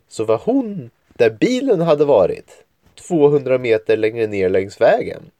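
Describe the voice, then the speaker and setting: A man's voice: mid-range voice, dark tone, no room sound. A man reading a children's story aloud at home, with playful voices for the children's lines. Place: home room at a computer.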